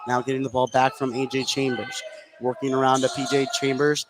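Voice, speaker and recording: This is a brisk, flat, medium-pitched delivery from a man doing live radio play-by-play of basketball. He sits courtside in an indoor high school gym, and the broadcast picks up heavy background noise from the room.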